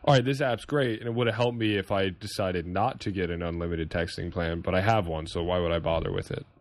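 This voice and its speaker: A young man hosting a casual tech podcast, relaxed and joking as he steers the talk. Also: low voice, a little fast. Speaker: podcast host.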